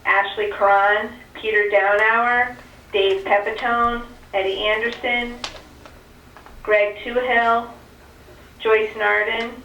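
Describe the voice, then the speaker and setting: A woman reading announcements and names over a school intercom loudspeaker in a flat, measured way. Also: a little high. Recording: echoey distant loudspeaker, background noise.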